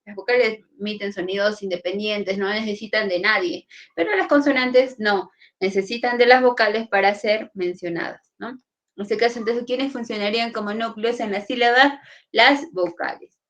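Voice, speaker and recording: A woman's voice: mid-range voice, normal speed, a bit bright, muffled recording. A woman teacher, giving a classroom lesson and often asking her students whether they follow. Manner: asks frequent checking questions.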